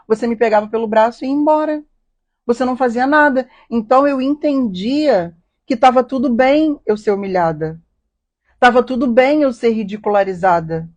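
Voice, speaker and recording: A woman's voice: a little high, darkish tone. A woman hosting a live stream, telling a personal story in an earnest, emotional way and often asking rhetorical questions. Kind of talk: confessional personal talk.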